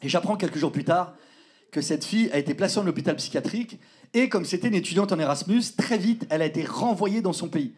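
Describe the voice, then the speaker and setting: A young man telling a stand-up story on stage, animated, acting out voices and sometimes shouting. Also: high-pitched, quick pace. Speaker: stand-up comedian. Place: theater stage before a live audience. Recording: live show with loud laughing crowd and noise.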